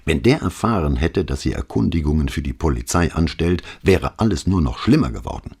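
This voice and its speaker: A man's voice: very deep voice, animated, brisk, a little mellow, breathy edge, heavily acted. A man voicing a cautious, diplomatic police inspector who answers his superior deferentially in an audiobook.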